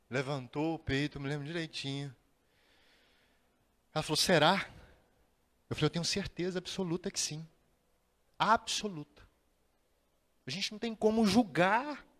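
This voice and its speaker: A man tells a personal story to a lecture audience, building the drama with pauses and sudden lifts. His voice sits fairly high, and a long hall reverb trails behind each phrase. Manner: dramatic, heartfelt telling with pauses and sudden rises. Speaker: spiritist lecturer.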